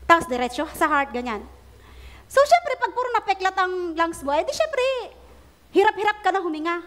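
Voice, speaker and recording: A woman preacher, telling a story in her sermon with animated delivery and English phrases mixed in. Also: very high voice, moderate pace. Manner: animated storytelling, acting out quoted prayers; mixes Tagalog with English phrases.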